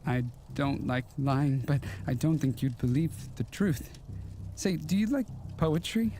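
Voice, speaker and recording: In an audio drama, a male actor plays a ghostly, wistful killer from the 1940s, speaking in a halting, old-fashioned courteous way laced with quiet menace. His voice is fairly high-pitched and animated, the mood melancholy and probing, with faint music in the background.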